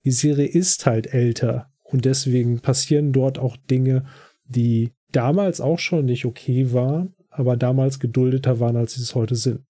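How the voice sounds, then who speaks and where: A man's voice: mid-range voice, fairly even intonation, moderate pace, warm tone, dry recording, studio quality. A man co-hosting a podcast, talking in a casual, thoughtful way that often restarts phrases and uses many fillers. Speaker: podcast co-host. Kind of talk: casual chat recapping a TV series.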